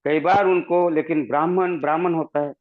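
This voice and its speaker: A man tells an old Buddhist story in a halting way, often stopping and starting again. His voice comes through a crackly phone line that keeps cutting out, thin and tinny. It sits a little high for a man. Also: fairly even intonation. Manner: halting, with many restarts and pauses. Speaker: Buddhist teacher. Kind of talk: storytelling religious talk.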